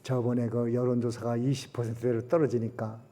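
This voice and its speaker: A man's voice: medium pitch, flat delivery, fairly quick, dark tone. Male pastor preaching in a reverberant hall. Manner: emphatic preaching, rhetorical questions to the congregation. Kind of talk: sermon. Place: church sanctuary. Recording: long church hall reverb.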